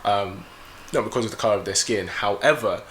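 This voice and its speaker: A young man taking part as a guest in a casual debate, reasoning aloud in a measured way and putting questions back to his host. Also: on the low side, a bit bright, slight background noise, rough recording. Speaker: guest youtuber.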